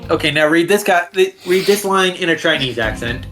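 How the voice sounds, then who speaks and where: Joking man co-streamer, lively pitch. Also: brisk, soft background music. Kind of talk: casual let's-play chat.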